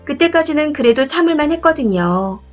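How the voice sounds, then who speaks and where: A woman reading a first-person story aloud as a scripted narration, in a steady, aggrieved tone. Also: high voice, fairly quick, faint music behind.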